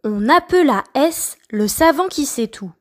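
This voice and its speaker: A woman reading a children's story aloud, slowly and expressively. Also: high-pitched, animated.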